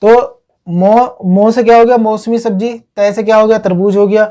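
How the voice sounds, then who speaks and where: A man's voice: high-pitched, fairly even intonation, normal speed, warm tone. A man teaching an exam-prep lesson, drilling his students with repeated questions and memory tricks. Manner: repetitive question-and-answer drilling.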